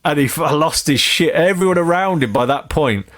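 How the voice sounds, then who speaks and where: A man's voice: fairly high pitch, normal speed, fairly bright tone. A British man hosting a podcast, chatting casually, swearing freely and laughing as he tells a gig story. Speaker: podcast host. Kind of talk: casual chat.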